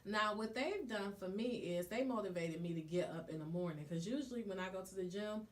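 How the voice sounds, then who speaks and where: A woman co-hosting a podcast, telling stories in a chatty, animated way with casual slang. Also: mid-range voice, a little fast. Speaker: podcast co-host. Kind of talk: casual chat.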